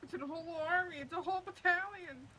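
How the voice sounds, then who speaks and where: A woman's voice: very high voice, quick pace, bright, forceful tone, a little hiss or hum, poor audio. A woman playing a ranger in a Western role-play game, bantering and asking playful questions.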